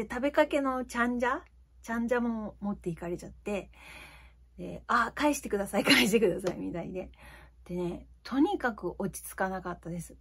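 Chatty, breathy woman in her fifties. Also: mid-range voice. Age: 50s. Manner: chatty, confiding, frequent fillers. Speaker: vlogger. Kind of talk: casual storytelling monologue.

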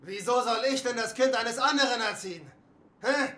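A woman's voice: on the high side, lively intonation, normal speed, pushed and bright. An actress voicing a harsh, angry stepmother in a dubbed film drama, scolding and threatening. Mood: furious. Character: harsh scolding stepmother, middle-aged woman, bitter temper.

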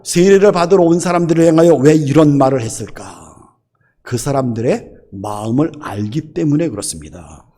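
A middle-aged male pastor delivers a sermon with a high, very lively voice. He keeps throwing rhetorical questions at his listeners, and his pitch swings widely from line to line. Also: breathy edge. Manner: animated, rhetorical questions to the congregation. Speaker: senior pastor.

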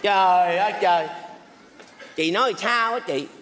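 Brief: man as a protective bride's father, high and bright, echoing in a big hall. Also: unhurried, slight background noise. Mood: indignant. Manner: indignant, protective. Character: proud, stubborn father of the bride. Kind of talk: stage comedy sketch. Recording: stage with long reverb.

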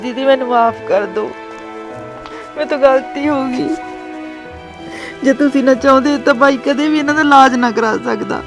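An actress playing a remorseful young sister-in-law, crying and pleading. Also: female voice, high voice, moderate pace, long pauses, music in the background.

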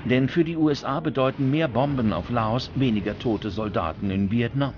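A man narrates a scripted documentary in a mid-range voice at a moderate pace. Background music plays under him, and the recording is dull.

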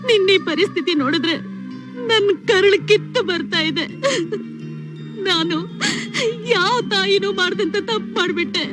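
A sobbing guilt-ridden mother, very high voice. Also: unhurried, long pauses, music in the background. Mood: anguished. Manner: anguished, begging forgiveness. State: crying. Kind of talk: film drama acting. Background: film score over the dialogue.

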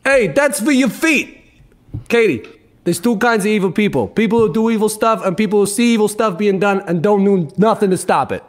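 A man's voice: high voice, expressive, brisk. A man playing a sarcastic, blunt teenage girl with a Brooklyn accent in a comedic script reading. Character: snarky rebellious teenage girl.

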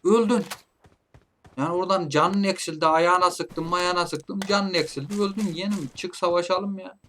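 A man commentating his own mobile shooter gameplay, playfully taunting opponents and calling them nephew, with bursts of loud shouting. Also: high voice, steady tone, fairly quick, a little hiss or hum. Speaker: gameplay streamer. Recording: game gunfire loud behind voice. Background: gunshots and clicks from the game.

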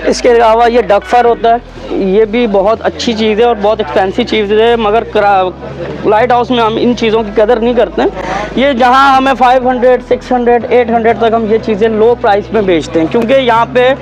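A man, a shopkeeper eagerly pitching his goods in a busy market shop. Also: steady tone, lo-fi sound. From Pakistan. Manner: eager, rapid salesman patter. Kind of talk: sales pitch to camera. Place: crowded clothing market shop, indoors.

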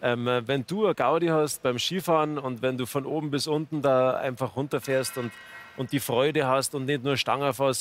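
Joking man on a talk show. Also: medium pitch. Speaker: ski expert guest. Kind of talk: casual talk-show chat. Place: TV studio with audience. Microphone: headset mic.

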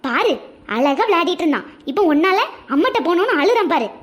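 A shrill, very high grandmother in a cartoon, scolding in a rapid, rushing Tirunelveli Tamil accent, as a woman voices her. She nags hard yet softens quickly, and never slows her quick patter. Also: big pitch swings, background noise. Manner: scolding, then coaxing. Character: scolding but soft-hearted grandmother. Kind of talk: cartoon voice acting.

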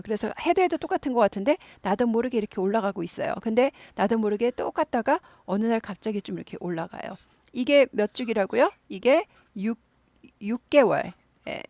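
A middle-aged woman hosting an English lesson, explaining phrases and drilling pronunciation in a lively, repetitive way. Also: mid-range voice, vocal fry, no room sound. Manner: lively, repeats words for drill practice. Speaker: English teacher, channel host.

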